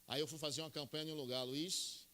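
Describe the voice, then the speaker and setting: A man with a Brazilian Portuguese accent preaching a sermon as pastor, emphatic, swinging from loud high bursts to low intimate asides while he tells stories. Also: steady tone, fast talker, big-room sound, very noisy. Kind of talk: Pentecostal-style sermon with storytelling.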